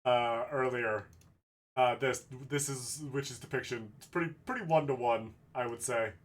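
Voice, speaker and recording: A man streaming a courtroom game, commenting in a profane and excitable way. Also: medium pitch, moderate pace.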